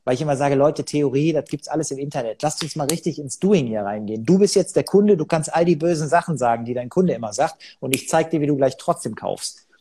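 A man's voice: on the high side, fast, warm tone, slight background noise. A man speaking as a sales trainer in a podcast interview, talking emphatically and acting out quoted dialogue from his seminars.

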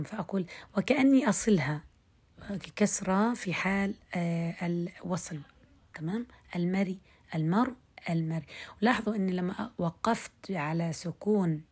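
Husky-voiced woman teaching recitation rules. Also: lowish voice, a little mellow. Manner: explains step by step, checks understanding with quick questions; recites example words drawn out for demonstration. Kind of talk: recorded online lesson.

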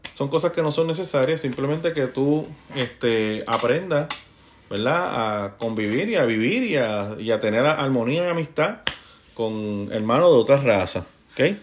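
A Puerto Rican man who teaches Spanish, talking casually and often checking in with tag questions between halting restarts. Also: medium pitch. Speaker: high school Spanish teacher. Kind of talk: casual conversational monologue.

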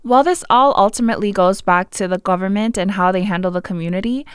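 A woman's voice: medium pitch, fast talker, smooth, no room sound, clean studio sound. A woman reading scripted narration as the host of a podcast.

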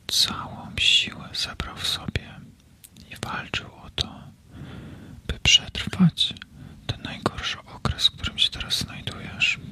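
A man in his thirties whispering slowly and soothingly in a comforting ASMR video, speaking close to the mic. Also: on the high side. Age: 30s. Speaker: ASMR creator.

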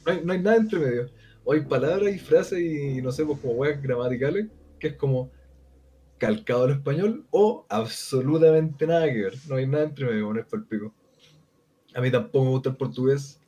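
A man's voice: mid-range voice, lively intonation, fairly quick, mellow. A man with a Chilean accent co-hosting a casual chat, speaking bluntly and at length with lots of slang. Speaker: co-host.

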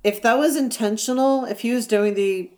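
A woman's voice: on the high side, normal speed, dark tone. A woman co-hosting a podcast, talking easily about movies and laughing often as she recounts scenes. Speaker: podcast co-host. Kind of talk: casual movie review chat.

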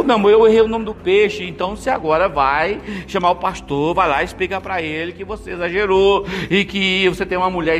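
A man preaching a lively marriage sermon, joking and calling out to the congregation as he acts out little scenes. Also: high-pitched. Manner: animated, jokey, calls out to congregation. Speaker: pastor.

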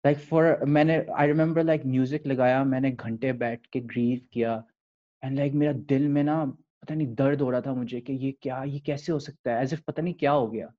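Male, Pakistani accent, medium pitch. Thoughtful, code-switching podcast storyteller with halting phrasing, recorded a little lo-fi. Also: steady tone. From Lahore, Pakistan. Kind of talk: reflective conversational storytelling.

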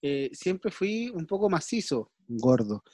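A man's voice: high voice, brisk, no room sound, studio quality. A man with a Chilean accent co-hosting a casual podcast, rambling with restarts and self-deprecating jokes. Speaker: podcast co-host.

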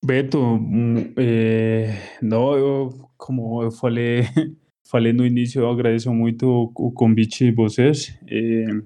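A Spanish-speaking man with a Colombian accent, a guest in a casual podcast interview, speaking haltingly as he searches for words and slips into Spanish. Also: medium pitch, little pitch movement, dark tone.

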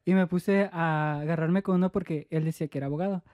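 A woman's voice: lowish voice, fairly even intonation, fast talker, dry recording, narrow, tinny audio. A woman from northwest Mexico, chatting casually and telling her own story in a chatty way. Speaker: conversation partner. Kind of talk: casual chat.

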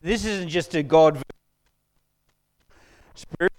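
A man's voice: fairly high pitch, takes it slowly, a little mellow. A man preaching a sermon as pastor, conversational with joking asides to the congregation, on a mic in a church hall. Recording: long hall reverb.

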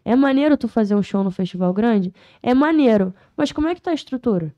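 Young rio girl on a podcast, lots of slang, heartfelt, warm dark voice, bit muffled audio. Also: a little high, animated, fast talker. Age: 20s. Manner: street slang, emphatic and heartfelt. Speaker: rapper guest. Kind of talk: casual podcast interview.

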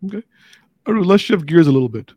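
A man's voice: on the high side, big pitch swings, quick pace, warm tone, husky, no room sound. A middle-aged man hosting a podcast, asking loose, friendly questions. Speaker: podcast host. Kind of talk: casual interview chat.

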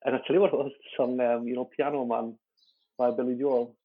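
A man's voice: medium pitch, level tone, brisk, husky. A man, a comedian guest, telling a candid story in a rambling way, full of fillers and restarts, swearing and laughing as he talks. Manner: swears freely and laughs while talking. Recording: lo-fi phone-like audio.

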